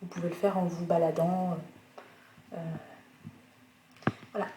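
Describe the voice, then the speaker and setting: A woman teaching English pronunciation in a recorded video lecture, speaking slowly with many fillers and self-corrections. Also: lowish voice, level tone, mellow, faint music behind. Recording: echoey room, faint noise.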